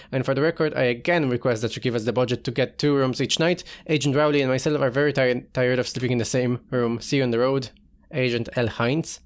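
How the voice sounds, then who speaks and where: Playing through a game, this let's player chats casually to himself and reads on-screen text out loud. His voice sits at a medium pitch.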